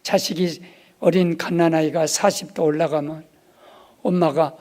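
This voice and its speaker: A man preaching a revival sermon in a church, dropping to hushed asides and rising to loud exclamations. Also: fairly high pitch, fairly even intonation, normal speed. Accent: Korean. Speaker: pastor. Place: church sanctuary.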